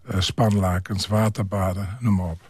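Older guy with roots, low-ish husky voice, hesitant, lots of pauses, dry studio. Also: fairly even intonation, no room sound. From Germany. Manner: hesitant, halting with many pauses and fillers. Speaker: psychiatric care worker and author. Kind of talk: radio interview.

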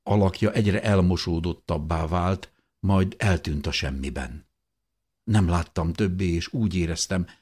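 A man narrating an audiobook in the first person with an expressive, dramatic reading. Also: sits low, slightly rough.

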